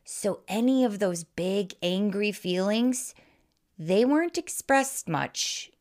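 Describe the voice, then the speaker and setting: Hosting a podcast monologue, a woman from Wisconsin with a Midwestern American accent talks candidly and informally as a life coach. Her mid-range voice is expressive and a little mellow, and she takes her time, pressing her points with emphatic, persuasive delivery.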